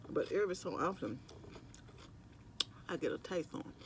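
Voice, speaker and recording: Guy rambling to viewers w his mouth full, voice goes up and down, bit creaky, some noise behind. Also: high-pitched, expressive, normal speed. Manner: chatting while eating, sometimes with mouth full; rambling, conversational. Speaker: mukbang vlogger. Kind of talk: casual eating chat to viewers. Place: at work on lunch break.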